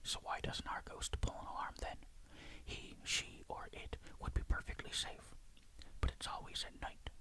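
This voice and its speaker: A storyteller reading a ghost story in a breathy, hushed, suspenseful whisper, in ASMR style. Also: normal speed.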